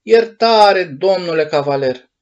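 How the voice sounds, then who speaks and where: A man's voice: high voice, animated, pitched above the performer's own voice. A man voicing a small wooden puppet boy, earnest and pleading, in a dull lo-fi storybook recording.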